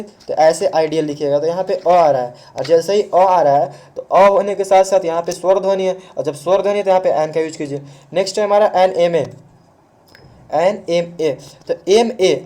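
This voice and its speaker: A man's voice: high voice, dark tone. A male teacher giving a grammar lesson online, patiently explaining step by step and answering his own questions. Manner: mixes English words into Hindi.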